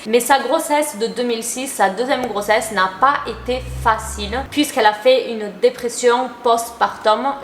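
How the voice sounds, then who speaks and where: A woman's voice: fairly high pitch, slight background noise. A young adult woman giving casual, chatty commentary to her viewers, opinionated and full of slang. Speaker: YouTuber. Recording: roomy echo.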